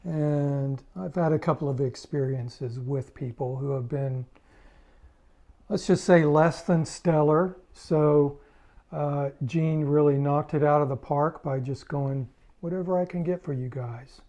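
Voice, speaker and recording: A man's voice: fairly high pitch, fairly even intonation, slow pace, warm tone. A man casually recounting a touring story, rambling and acting out the exchanges he quotes. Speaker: musician telling tour stories.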